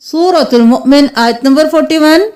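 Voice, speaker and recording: In this tajweed lesson, a woman with a high-pitched, slightly mellow voice recites each word at a slow, drawn-out pace. Afterward she runs through the letters in brief, plain terms.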